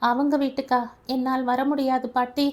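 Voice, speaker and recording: A woman's voice: high-pitched, flat delivery, normal speed, darkish tone, pitched above the performer's own voice, natural voice. A woman doing a pleading young granddaughter. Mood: stubborn. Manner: pleading, insistent.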